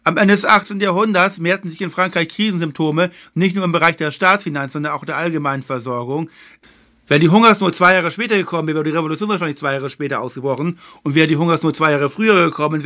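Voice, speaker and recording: A man hosting a video lecture series, explaining history in a measured way and stressing his key points. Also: fairly high pitch, pushed and bright. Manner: filler phrase "eben halt".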